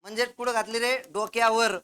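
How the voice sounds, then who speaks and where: Clear-voiced man quizzing a grammar class. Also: very high voice, flat delivery, pushed and bright. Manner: quizzes the class with quick questions and answers them himself; explains step by step with examples. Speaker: teacher.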